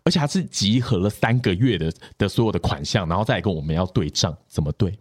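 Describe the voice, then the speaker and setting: A man co-hosting a podcast, telling a work story in an exasperated, animated way. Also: low-pitched, quick pace, breathy edge. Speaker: podcast co-host. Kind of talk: casual storytelling chat.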